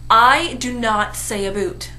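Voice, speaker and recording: A woman's voice: a little high, slow pace, pushed and bright. Sarcastic young Canadian woman vlogger. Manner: sarcastic, mildly profane, self-deprecating. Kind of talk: casual vlog monologue. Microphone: camera mic, close. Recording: roomy home recording with faint hiss.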